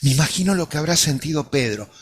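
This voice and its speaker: Higher-voiced man preaching a sermon. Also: expressive, quick pace, slightly rough. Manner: earnest storytelling, imaginative retelling.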